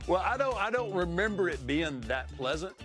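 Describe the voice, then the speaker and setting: Man, slightly high lively voice, soft-spoken, faint music. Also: moderate pace. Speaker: wrestler guest. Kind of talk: interview storytelling.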